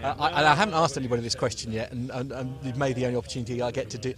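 A man's voice: mid-range voice, fairly even intonation, racing, a bit bright. A man interviewing visitors outdoors at an airfield, chatty and jokey with many hesitant restarts. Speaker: interviewer at an aviation meetup. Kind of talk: casual vox-pop interviews. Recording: outdoor crowd noise. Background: crowd chatter.

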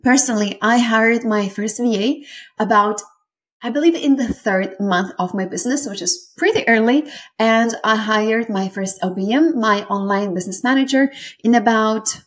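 A woman's voice: a little high, normal speed. A woman in her thirties from Lithuania with a Lithuanian accent, hosting a solo business podcast in an earnest, effusive way. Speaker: podcast host. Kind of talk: warm solo podcast talk.

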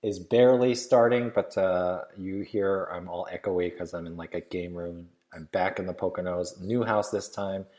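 A man's voice: low voice, fairly even intonation, normal speed, few pauses, darkish tone. A man co-hosting a podcast in a casual, laid-back way, recorded in an echoey game room of a vacation house. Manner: laid-back, rambling, with frequent fillers. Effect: echoey room sound. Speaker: podcast co-host. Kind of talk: casual chat.

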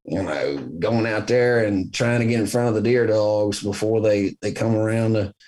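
A man with a Southern US accent talks in a fairly low voice. He is folksy and earnest, spinning stories conversationally and repeating phrases to drive them home. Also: normal speed, a little mellow. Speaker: hunter in conversation. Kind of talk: casual conversation, storytelling.

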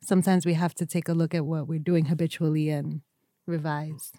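A woman co-hosting a casual podcast chat, playful and quick to laugh, sharing short motivational quotes. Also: deep voice, little pitch movement, mellow, no echo, studio quality. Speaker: podcast co-host.

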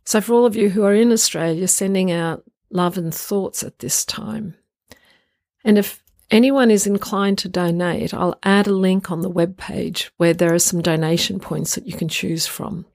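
A woman hosting a solo podcast in an informal, reflective and earnest way, her voice croaky from getting over the flu. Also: mid-range voice, steady tone, moderate pace, a little mellow, no room sound, clean studio sound. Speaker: podcast host.

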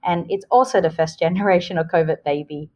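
A woman in her forties, born in Hong Kong and raised in Australia, answers casual interview questions as a podcast guest. Her fairly low, dark voice moves fairly quickly, and she's earnest and upbeat, explaining with homely examples. The audio sounds dull.

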